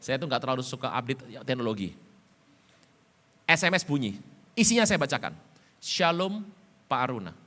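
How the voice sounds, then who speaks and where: A middle-aged male pastor telling stories in a sermon, animated, swinging between loud emphatic bursts and quiet low asides. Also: brisk, pauses often. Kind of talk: storytelling sermon. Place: church sanctuary. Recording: church hall reverb.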